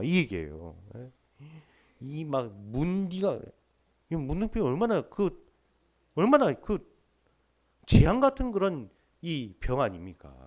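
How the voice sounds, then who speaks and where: A middle-aged man preaching a sermon in church, emphatic and humorous, while sick with body aches. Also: mid-range voice. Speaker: pastor. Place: church sanctuary.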